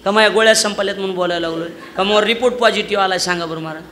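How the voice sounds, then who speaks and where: A man preaching a comic devotional sermon on stage, loudly acting out the voices of villagers in his stories. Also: high-pitched, very fast. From Maharashtra, India. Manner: loud, animated storytelling, acting out villagers' voices. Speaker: kirtan preacher.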